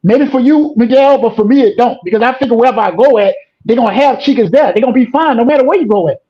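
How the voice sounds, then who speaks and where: A man with a high, light voice makes his points with blunt insistence, throwing in "bro" as he goes. He talks casually to a friend. The sound is muffled and lo-fi. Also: quick pace. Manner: emphatic, keeps calling the listener bro. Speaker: guest. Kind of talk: casual chat. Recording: dull lo-fi sound.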